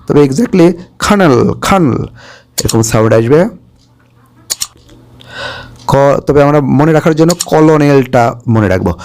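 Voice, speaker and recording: A man gives a careful spelling lesson, sounding out each English word one letter at a time and then explaining what it means. His voice sits a little high. He keeps a patient teaching pace and stops to check that the class is following. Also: a little fast, darkish tone. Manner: explains Bengali meanings, checks with "okay?".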